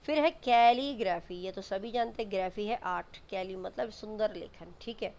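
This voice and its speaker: A woman teaches exam vocabulary in an easy, patient way, repeating each word and spelling it letter by letter. Her voice sits at a middle pitch. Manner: mixes Hindi explanations with English definitions. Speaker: English teacher.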